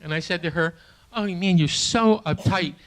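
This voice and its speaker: A man in his late sixties performing a stand-up comedy set in a small theater, with a halting, self-deprecating delivery full of restarts, and audience laughter behind him. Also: high voice, a bit bright. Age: 60s. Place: small theater stage before a live audience.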